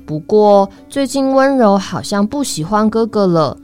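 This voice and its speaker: A woman reading a children's story aloud in an expressive, sing-song storytelling manner. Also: mid-range voice, measured pace. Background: faint music.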